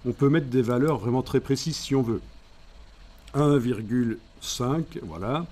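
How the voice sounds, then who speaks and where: A man speaking, explaining a software tutorial step by step and thinking aloud as he works. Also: medium pitch, measured pace. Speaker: software instructor. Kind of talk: screen-recorded software tutorial.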